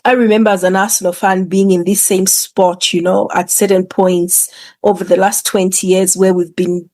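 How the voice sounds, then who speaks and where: A woman's voice: medium pitch, level tone, normal speed, a little mellow, dry recording. A woman hosting a football show, commenting casually in an informal, conversational way with hesitant asides. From England. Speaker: football podcast host.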